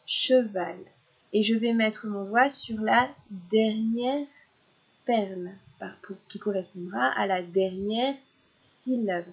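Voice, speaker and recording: A woman teaching young children syllables in a slow, patient lesson, repeating each word clearly. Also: mid-range voice, highs cut off.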